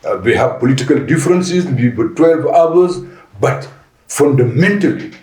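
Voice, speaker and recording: Deliberate man, roomy echo. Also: mid-range voice, expressive, a little mellow. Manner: deliberate with frequent restarts and fillers. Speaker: panel guest. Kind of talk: podcast panel discussion. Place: conference venue.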